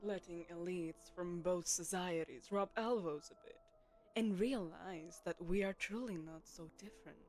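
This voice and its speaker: In this audio roleplay spoken to the listener, a woman voices a telepathic queen, poised and commanding, who throws a lavish gala. She persuades in a silken, condescending manner, her fairly low, darkish voice unhurried and close to how she'd normally sound, with faint music behind her.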